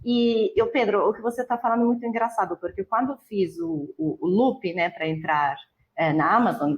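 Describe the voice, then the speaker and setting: A woman's voice: medium pitch, low-quality recording. An Italian woman from northern Italy, speaking with an Italian accent as a guest in a casual panel chat, chatty and full of fillers.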